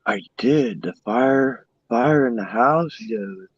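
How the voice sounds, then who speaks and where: A man's voice: mid-range voice, animated, slow, husky, no echo. A man calling in as a guest on a casual panel chat, his voice coming through fuzzy and distorted from a phone, musing bluntly. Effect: fuzzy distorted muffled call audio. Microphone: phone resting on a pad. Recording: muffled, distorted lo-fi phone call.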